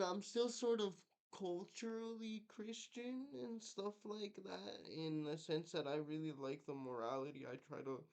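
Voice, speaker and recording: A young man from Guatemala speaks to his viewers in an unhurried, reflective personal monologue. His voice is smooth and clear and sits a little high, and he fills his pauses with um and like. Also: a little mellow. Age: young adult. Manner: reflective, lots of fillers like um and like. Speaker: vlogger.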